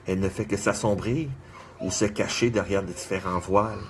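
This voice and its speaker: A man giving an earnest motivational monologue, repeating his exhortations in measured phrases and greeting viewers by name. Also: deep voice, fairly even intonation, a little hiss or hum. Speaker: motivational speaker.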